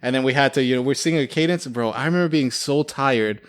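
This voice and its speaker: A man's voice: medium pitch, quick pace, clean tone. A young man telling casual stories about his military training, rambling with lots of fillers and laughing often. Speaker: podcast guest, military veteran. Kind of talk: casual storytelling chat.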